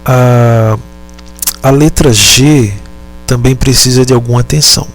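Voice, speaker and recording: A man teaching a lesson, speaking deliberately, pausing often and correcting himself. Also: medium pitch, steady tone. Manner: deliberate, halting, repeats and self-corrects. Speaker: Latin teacher. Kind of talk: slow explanatory lesson.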